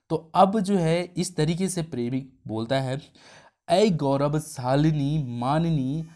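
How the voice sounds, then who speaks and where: Man, exam tutor, casual explaining, chatty asides, mid-pitched voice. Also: darkish tone. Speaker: exam prep teacher. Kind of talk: casual spoken lesson.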